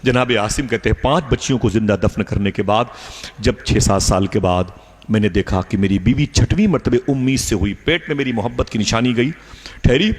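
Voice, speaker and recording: Low-voiced emotive male preacher. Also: a little fast, husky. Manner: emotive, dramatic storytelling. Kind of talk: storytelling sermon.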